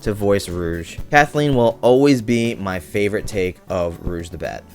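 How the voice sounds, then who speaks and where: A man's voice: lowish voice, a little slow, soft background music. A young man hosting a video essay, reading scripted commentary.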